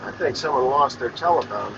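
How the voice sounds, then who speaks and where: A farmer in his forties hosts his own show from inside a vehicle, rambling in a plain-spoken way and swearing freely. His mid-range voice is gravelly, animated and fairly quick. The lo-fi recording carries background noise.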